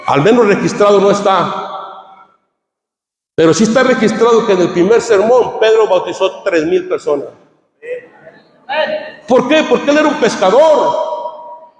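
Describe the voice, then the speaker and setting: A man preaching a fervent sermon as pastor, swinging between shouted climaxes and quiet asides. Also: high voice. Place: church hall. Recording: echoey church hall.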